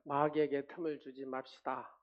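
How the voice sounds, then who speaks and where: A man preaching a sermon as pastor. He calls out questions to the congregation and swings from loud exclamations to hushed, whispered asides. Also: medium pitch, flat delivery, normal speed, lo-fi sound.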